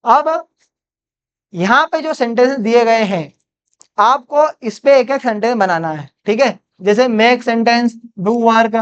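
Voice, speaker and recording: A woman with an Indian accent teaching spoken English, drilling phrases slowly and asking her students questions. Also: on the high side, clear, resonant tone. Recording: dull lo-fi sound.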